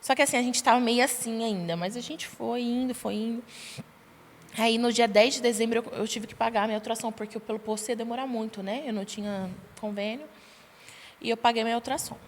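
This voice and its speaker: A young adult woman, a podcast guest, tells her personal testimony in a lively way and acts out the dialogue she quotes. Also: on the high side, fairly quick. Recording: long reverb, faint background noise.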